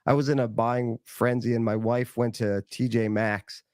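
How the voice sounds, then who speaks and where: A man's voice: medium pitch, steady tone, moderate pace, a little mellow, no room sound, clean studio sound. A man chatting casually as a guest, easygoing and a bit hesitant, with lots of "like" and restarts. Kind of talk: casual chat.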